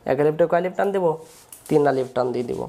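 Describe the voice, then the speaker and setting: Speaking very fast in a dark voice on the high side, a man leads a Quran reading lesson. It is a slow, step-by-step recitation where he patiently breaks words into letters, extends the long vowels, and repeats each step.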